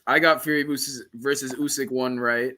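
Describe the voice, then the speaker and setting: A man co-hosting a combat sports podcast, answering his louder partner in a calm, level voice. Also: medium pitch, normal speed. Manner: calm, even, called monotone. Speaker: podcast co-host. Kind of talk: sports debate.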